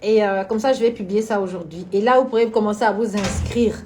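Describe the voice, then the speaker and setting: A woman's voice: medium pitch, a little fast, mellow, a little hiss or hum. A woman hosting a casual live stream, chatting frankly about business and answering viewers by name, often laughing. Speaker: florist and event decorator hosting a live stream.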